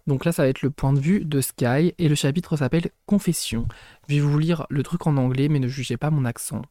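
Young guy doing a chill book podcast, kinda high warm voice, fumbles words and laughs at himself, dry close sound. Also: brisk, no echo. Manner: chatty and self-deprecating, often stumbling and correcting himself with fillers. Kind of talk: casual book review podcast with read-aloud passages.

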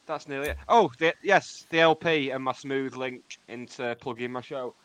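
A man's voice: medium pitch, moderate pace, fairly bright tone, smooth, dry recording. A man co-hosting a football podcast, chatting casually in a blunt, wry, sweary way. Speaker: podcast co-host and radio presenter.

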